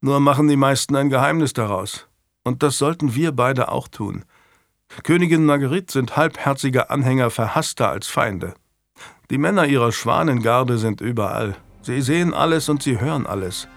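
A man's voice: mid-range voice, animated, normal speed, no echo, clean studio sound, natural voice. Male reader playing a weary knight: frank, wry, plain voice. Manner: wry, candid.

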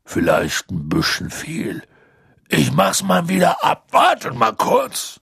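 A man voicing a huge, good-natured male half-giant gamekeeper in an audiobook, with a deep gruff voice and a slow, blunt, folksy drawl. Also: wildly swooping pitch, fairly bright tone, no echo, clean studio sound, full character voice. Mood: embarrassed. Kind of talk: audiobook character voice.

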